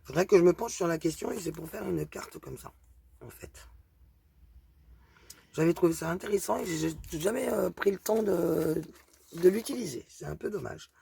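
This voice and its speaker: A woman's voice: lowish voice, normal speed, vocal fry, warm tone. A woman with a thick regional accent chatting hesitantly through a craft haul, with plenty of fillers. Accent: strong regional accent. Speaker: craft vlogger showing a haul. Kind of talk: casual product show-and-tell.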